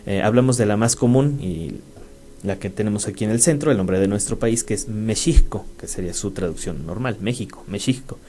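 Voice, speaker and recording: A man's voice: on the low side, animated, fairly quick, dark tone. A man with a Mexican Spanish accent, hosting a radio talk and explaining things with frequent fillers and restarts. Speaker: radio show host. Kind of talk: educational radio talk on place names. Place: radio studio.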